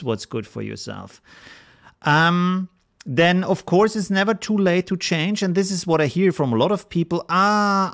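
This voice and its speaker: Male video host, mid-pitched, frank, chatty advice delivery with lots of "uh"s, English. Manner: frank, animated, frequent fillers and restarts. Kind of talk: casual advice talk to camera.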